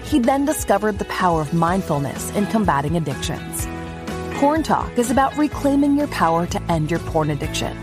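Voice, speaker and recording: A woman voices a scripted podcast intro with dramatic, emphatic delivery. Her voice is fairly low but swings widely in pitch. Clear music plays under her voice-over. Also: very animated, normal speed. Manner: dramatic, emphatic announcer read. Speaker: show intro announcer. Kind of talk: scripted promo narration.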